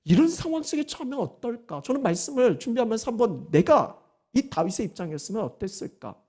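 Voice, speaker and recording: A woman pastor giving a Sunday sermon, animated and firing rhetorical questions at the congregation. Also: fairly high pitch, quick pace, husky.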